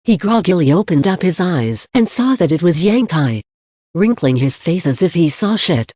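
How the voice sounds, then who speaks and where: An audiobook narrator reads a fantasy novel aloud in a steady, plain storytelling style. His voice is mid-range at a normal speed, and the recording is dry with studio quality.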